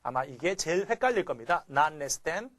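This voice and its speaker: A man's voice: fairly high pitch, big pitch swings, moderate pace, a bit bright. A man teaching English grammar in a recorded lecture, asking rhetorical questions and chanting phrases for his students to memorize. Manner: keeps asking rhetorical questions and tags "그렇죠?"; drills phrases by chanting them.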